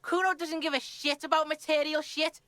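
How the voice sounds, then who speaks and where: A woman's voice: high-pitched, steady tone, moderate pace, sharp tone, no echo. A woman voicing a swearing, hostile twelve-year-old boy who speaks of himself in the third person, in a video game. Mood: belligerent.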